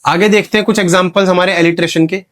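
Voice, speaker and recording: A man teaching English grammar in an exam-prep lesson. He asks the students questions and answers them himself, and he reads the examples slowly while sounding out the letters. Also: high voice, fairly even intonation, fairly bright tone. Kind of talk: exam-prep classroom lecture.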